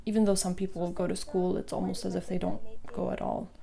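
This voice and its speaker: A woman's voice: fairly low pitch, level tone, a little fast, gravelly, dark tone. A woman from Haiti, speaking earnestly and emphatically in a documentary interview. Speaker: refugee interviewee. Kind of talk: documentary interview, personal account. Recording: crowd chatter behind.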